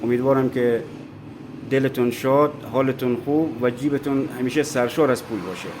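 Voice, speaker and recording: A man calmly walking viewers through a computer installation, step by step, in a screen-recorded tutorial. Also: medium pitch, noisy background. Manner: calm step-by-step instructions. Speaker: tutorial presenter.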